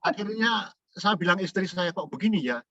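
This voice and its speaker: A man casually sharing an experience in a discussion, animated and chatty. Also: high-pitched, normal speed, dry recording, highs cut off. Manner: animated storytelling with rising exclamations.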